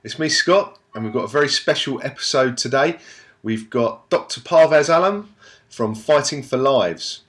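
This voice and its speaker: A man's voice: mid-range voice, animated, moderate pace, a bit bright. A man hosting an interview, chatty and full of fillers. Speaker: host. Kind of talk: casual interview.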